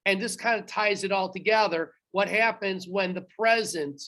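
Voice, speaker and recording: A man's voice: sits high, normal speed, bright, forceful tone. Chatty male history teacher quizzing students. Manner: chatty, talks straight to students, quizzes them. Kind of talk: recorded classroom lecture.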